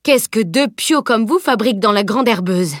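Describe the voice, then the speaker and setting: A woman's voice: fairly high pitch, expressive, moderate pace, no room sound, clean studio sound, pitched above the performer's own voice, close to an everyday voice. A woman reading a plump, jovial middle-aged carter in an audiobook, with hearty exclamations and rustic speech.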